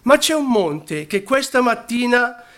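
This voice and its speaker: High-voiced man preaching slowly. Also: big pitch swings, a bit bright. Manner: unhurried, stops to correct his own slips. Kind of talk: sermon.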